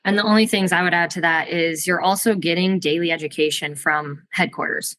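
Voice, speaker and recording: A woman's voice: lowish voice, steady tone, brisk, fairly bright tone, no echo. A woman who works as a fitness and nutrition coach, talking in a direct, practical coaching way. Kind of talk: casual podcast conversation.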